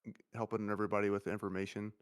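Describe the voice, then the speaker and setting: A man chatting casually on a stream as an agency head, speaking slowly and halting, with many restarts. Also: fairly low pitch, flat delivery. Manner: halting, restarts and repeats "I remember"; talks slowly. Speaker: agency CEO.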